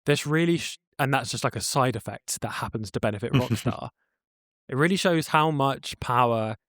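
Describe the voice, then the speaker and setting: Brief: man co-host, earnest and rambly, mid pitch, dry sound. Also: a little fast, fairly bright tone, no echo. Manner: earnest, rambling, many restarts. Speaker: podcast co-host. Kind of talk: casual chat.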